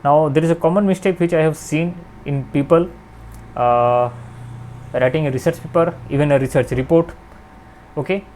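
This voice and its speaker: A man's voice: a little high, normal speed, pauses often, a little mellow, a little hiss or hum. A young man hosting his channel, teaching step by step with frequent "okay" and "uh" fillers. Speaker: channel host teaching research writing. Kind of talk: explanatory lesson.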